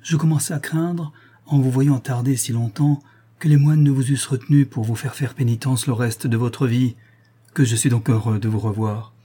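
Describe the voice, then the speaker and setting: A man reading aloud and voicing an excitable, fretful young male servant. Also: medium pitch, normal speed, slightly rough, close to an everyday voice. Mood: relieved.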